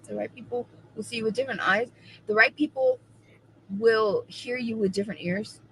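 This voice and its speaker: A woman's voice: on the high side, normal speed, fairly bright tone, slight background noise, low-quality recording. A woman in her forties chatting casually on a livestream, emphatic and repeating her points for effect. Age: 40s. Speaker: co-host of a livestream.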